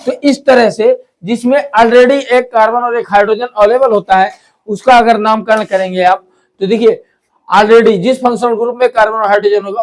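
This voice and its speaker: A man teaching a chemistry lesson, repeating key terms and asking and answering his own questions. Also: high-pitched. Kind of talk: classroom lesson explanation.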